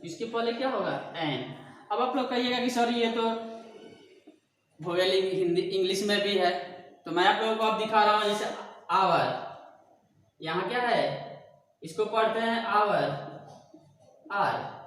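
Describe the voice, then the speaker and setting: A man's voice: high-pitched, normal speed, pauses often, fairly bright tone. Echoey Hindi-accented man teaching grammar. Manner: asks the class questions and answers them himself, stretches out key words. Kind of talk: classroom grammar lesson. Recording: echoey room, distant mic, faint hiss.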